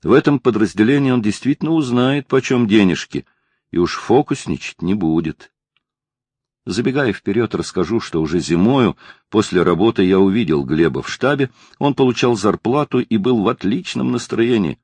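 A man reading a first-person memoir aloud as an audiobook narrator, in a measured storytelling manner. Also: on the low side, expressive, a little mellow, slightly rough, dry recording.

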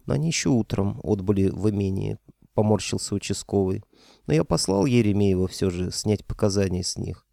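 A man narrating a first-person audiobook in a steady, even storytelling manner. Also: on the low side, fairly quick, creaky, no echo, studio quality.

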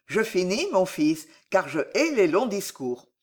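Reader doing gruff old soldier father, blunt, swearing, audiobook figure, mid-pitched. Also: very animated, measured pace. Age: older. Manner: gruff, exclamatory, full of oaths. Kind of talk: audiobook reading.

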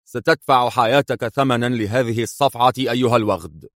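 A man's voice: mid-range voice, fairly even intonation, brisk, a bit bright, no echo, studio quality, natural voice. A man voicing a cocky, sarcastic male secret agent in an audiobook reading, mocking and cool. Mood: stern.

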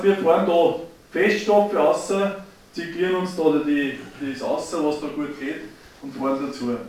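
A man's voice: fairly high pitch, a little hiss or hum. A middle-aged man with an Austrian accent giving an emphatic, folksy lecture to farmers, talking straight to his audience. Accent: Austrian German. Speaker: agricultural speaker. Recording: echoey hall, distant mic.

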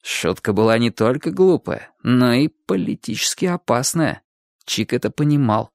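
A male audiobook narrator telling a story with a lively, varied intonation. His voice sits at an ordinary pitch, recorded close and dry. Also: normal speed, dry recording. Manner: expressive storytelling. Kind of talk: scripted narration.

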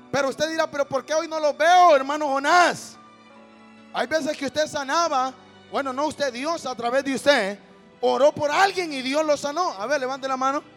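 A very high-pitched man with a Honduran accent delivers a fervent evangelical sermon. He addresses his congregation directly, building up until he is shouting.

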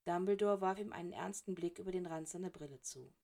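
A woman narrating a storybook audiobook in an even, steady reading voice. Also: lowish voice, fast talker, gravelly.

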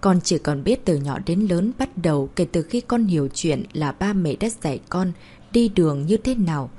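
A woman's voice: on the low side, animated, moderate pace, dark tone. A woman voicing an emotional young mother in an audiobook, talking in an earnest, pleading way.

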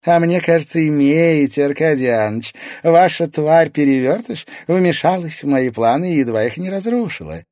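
A man's voice: fairly high pitch, normal speed, few pauses, no room sound, clean studio sound, voice pushed up, close to an everyday voice. A man voicing a poised, sly noble lady of shadows in an audiobook. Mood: cool. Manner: calm, needling.

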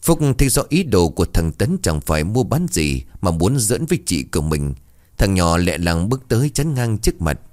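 A man reading a story aloud in an expressive, dramatic way. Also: sits low, normal speed, dry recording, clean studio sound. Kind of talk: scripted story narration.

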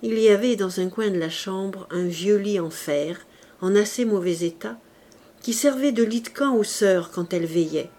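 Woman reading an old classic novel aloud, steady dramatic audiobook narration, mid pitch. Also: moderate pace.

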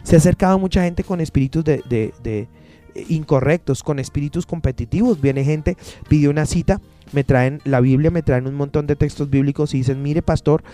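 A man's voice: a little high, fairly quick, warm tone, faint music behind. A man preaching a sermon as pastor, emphatic and repeating his phrases, acting out the people he quotes.

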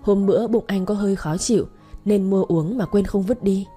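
A woman's voice: mid-range voice, moderate pace, dark tone, breathy edge, faint music behind, close to an everyday voice. A woman voicing an evasive, flustered husband who tries to placate his wife. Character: evasive cheating husband, man.

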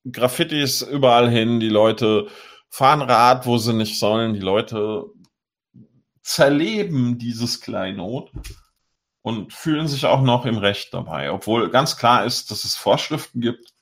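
A man's voice: mid-range voice, fairly bright tone. A middle-aged man co-hosting a casual talk show, ranting in an exasperated way. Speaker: podcast co-host. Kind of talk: casual chat.

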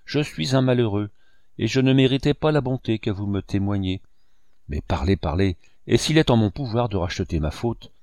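A man reading the lines of a cold, bitter young male cashier bent on revenge, measured and cutting. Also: lowish voice, lively intonation, darkish tone, no echo, clean studio sound. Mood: pleading. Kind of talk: audiobook character reading.

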